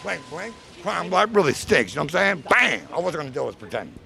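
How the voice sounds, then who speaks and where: Gravelly high-voiced man rapping. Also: sing-song, fast talker, pushed and bright, soft background music. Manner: rhythmic rhymed delivery. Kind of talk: rapping a verse. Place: outdoors on a city street.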